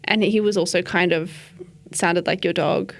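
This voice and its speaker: A woman's voice: on the low side, fairly even intonation, normal speed. A woman hosting a casual comedy podcast. She rambles through stories with lots of fillers and an easy, chatty flow. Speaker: podcast host.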